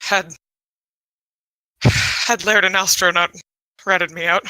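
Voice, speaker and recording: A shy, winged dragon-kin woman, played by a woman in a tabletop role-play, stumbling over her words with ums and restarts. Her voice is bright and clear. The recording is close and dry. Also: on the low side, steady tone, no echo, rough recording. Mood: hesitant. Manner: hesitant, halting, full of restarts and ums. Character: shy female Manakete with wings.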